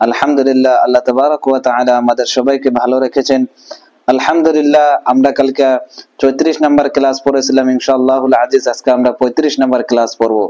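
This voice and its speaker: Mellow-voiced Bengali Quran teacher. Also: male voice, medium pitch, highs cut off. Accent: Bangladeshi Bengali. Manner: asks students rhetorical checks, sounds out syllables slowly. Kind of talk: online Quran reading lesson.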